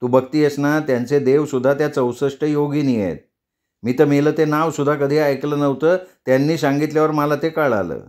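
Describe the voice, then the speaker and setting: A man's voice: fairly high pitch, darkish tone, natural voice. Man doing a bossy scheming mother-in-law. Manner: bossy, slow and scolding. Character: older woman, a scheming, scolding mother-in-law.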